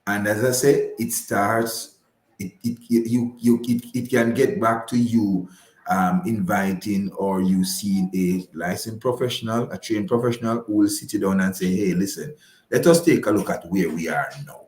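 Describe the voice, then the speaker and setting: A man with a Jamaican accent and a lowish, slightly mellow voice speaks at a moderate pace in an echoey room. He's a radio guest explaining personal finance in a conversational way, emphatic and didactic, repeating points and often checking in with the listener.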